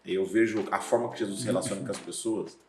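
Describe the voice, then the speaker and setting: A man, a pastor and seminary professor, chatting on a podcast with a deep voice, telling stories and acting out scenes. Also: fast, echoey room, slight background noise. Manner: lively storyteller, acts out scenes, laughs often. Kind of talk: casual podcast chat.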